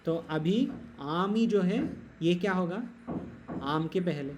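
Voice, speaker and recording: A man's voice: high voice, slow, a little hiss or hum. A man teaching Sanskrit grammar in an online class, patient and explaining step by step, slipping into English.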